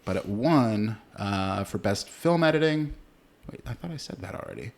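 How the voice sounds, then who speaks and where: Low-pitched male podcast co-host, easygoing and profane, reviewing a movie. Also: moderate pace, vocal fry. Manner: relaxed, swears casually, many "uh" fillers. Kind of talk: casual movie review chat.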